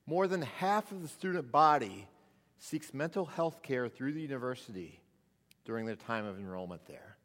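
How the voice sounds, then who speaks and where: Man preaching at a pulpit microphone, reverberant. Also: fairly high pitch. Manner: conversational preaching with restarts. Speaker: pastor. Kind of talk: sermon. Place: church sanctuary. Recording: long reverb of a church hall.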